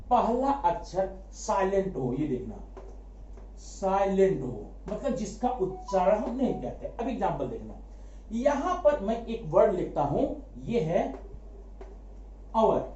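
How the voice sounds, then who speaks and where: A man teaching a grammar lesson, asking quick rhetorical questions, answering them himself and repeating key words for emphasis. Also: sits high, dark tone. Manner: addresses students familiarly as brother. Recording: echoey room, dull lo-fi sound.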